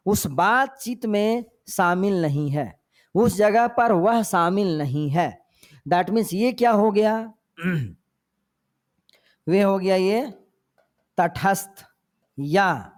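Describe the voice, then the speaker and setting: A high-pitched man with a Hindi accent from Jharkhand teaches grammar for a competitive exam. He speaks at an unhurried, measured pace. He goes over each point twice and keeps telling his students to pay attention. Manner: slow and repetitive, often tells students to pay attention. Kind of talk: exam-prep lecture.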